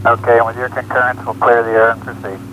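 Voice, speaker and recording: A man's voice: medium pitch, monotone, quick pace, narrow, tinny audio, a little hiss or hum. A man working as a launch controller, talking in terse, procedural radio loop exchanges. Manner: clipped, procedural.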